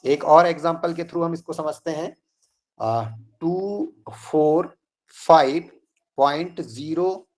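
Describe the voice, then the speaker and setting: A man teaching an online math class in a slow, deliberate way, reading out numbers digit by digit. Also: on the high side.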